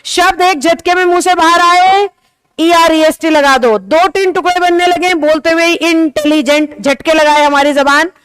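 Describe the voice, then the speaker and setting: A high-pitched woman teacher leads a classroom grammar lesson in a close, dry-sounding recording. She explains patiently, keeps checking whether her students follow, and draws out the key example words slowly for emphasis. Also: fairly bright tone, no room sound. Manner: explains patiently, checks understanding with rhetorical questions. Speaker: English teacher. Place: classroom with a board.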